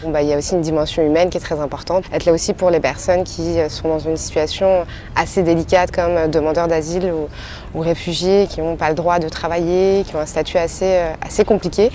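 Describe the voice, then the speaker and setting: A woman volunteer speaking quickly and upbeat in an interview. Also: deep voice, fairly even intonation, mellow, a little hiss or hum.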